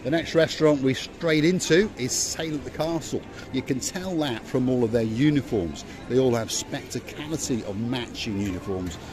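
A man's voice: medium pitch, moderate pace, few pauses, noisy background. Joking man guiding a night walk. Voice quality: chatty, teasing, showman-like. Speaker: vlog co-host and tour guide. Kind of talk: jokey walking-tour commentary. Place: outdoor harbour promenade at night. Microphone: phone camera at arm's length. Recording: busy crowd chatter around.

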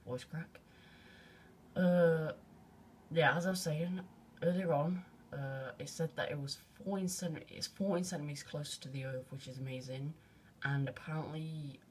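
A teenage guy excitedly narrating a quick phone video, rambling with lots of fillers and casual slang. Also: medium pitch, slight background noise. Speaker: vlogger. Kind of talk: excited off-the-cuff phone commentary. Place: at home by an open window at night. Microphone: phone held out of a window.

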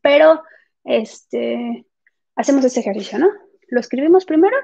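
A woman teaching an online English class, mixing explanations with slow, drawn-out English examples. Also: high-pitched, lively intonation, vocal fry, mellow. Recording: muffled lo-fi online class audio.

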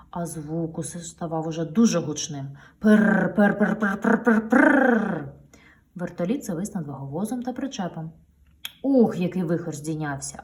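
A woman's voice: lowish voice, dark tone. A woman reading a children's picture book aloud to her daughter, with playful storytelling and sound effects, heard a little distant from the mic.

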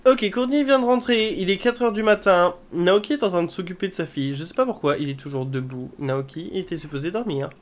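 A woman's voice: lowish voice, brisk, few pauses. Chatty woman commenting her gameplay. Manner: chatty, swears and drops English exclamations. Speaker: video game let's player.

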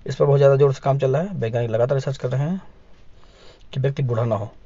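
A man leads an exam-prep quiz lesson with a mellow, dark tone, posing questions and then answering them himself. The recording is dry and a little dull and lo-fi. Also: mid-range voice, dry recording. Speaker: teacher. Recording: dull, slightly lo-fi sound.

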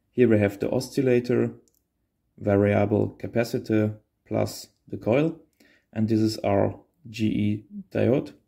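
A man in his thirties hosting an amateur radio channel teaches a casual hands-on tutorial from his small indoor home workshop, keeping his phrases short and simple. His voice is fairly low with vocal fry, and the audio sounds dull.

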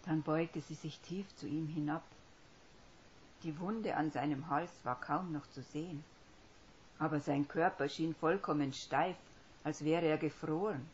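A woman reads a story aloud, with a low pitch and a steady, measured delivery. The recording sounds somewhat dull and lo-fi. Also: a little hiss or hum. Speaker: audiobook reader. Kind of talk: scripted fiction narration.

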